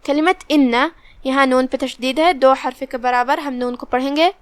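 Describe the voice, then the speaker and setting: Woman, recitation teacher, high voice, smooth, dry close sound, careful step-by-step explaining, slow drawn-out reciting. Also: steady tone, no echo. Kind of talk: tajweed lesson with slow recitation.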